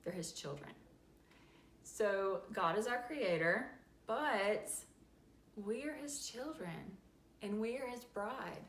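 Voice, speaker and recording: A woman hosting a faith-based advice talk, folksy and animated. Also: a little high, slow pace. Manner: folksy and animated, acts out little scenes. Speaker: host. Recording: echoey room with faint ambient noise.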